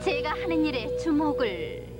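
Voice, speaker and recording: A woman's voice: sits high, expressive, a little slow. An actress playing a scheming female lieutenant to a demon king in a cartoon, formal and theatrical. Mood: deferential, cunning. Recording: old videotape, loud music behind.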